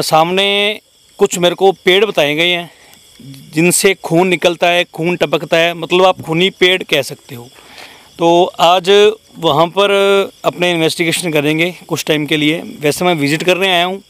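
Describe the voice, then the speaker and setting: A man's voice: a little high, steady tone, a little slow, fairly bright tone, clear, resonant tone. A young man hosting a night-time paranormal vlog outdoors, talking casually to his viewers through a handheld camera mic and grumbling about mosquitoes. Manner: addresses viewers as friends, complains about mosquitoes. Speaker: paranormal vlogger. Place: outdoors at night in a rural wooded area. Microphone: camera-mounted mic, camera held in hand.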